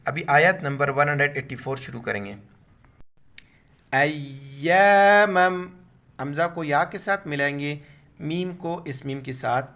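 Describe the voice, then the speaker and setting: A man teaching Quran recitation word by word, spelling out letters and vowel marks, then slowly drawing out each recited word. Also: a little high, gravelly, pushed and bright.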